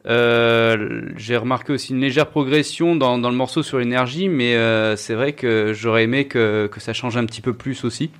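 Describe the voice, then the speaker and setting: A man's voice: medium pitch, normal speed, hardly any pauses, a bit bright, smooth. A man reviewing a song on a radio show, hesitant and full of fillers.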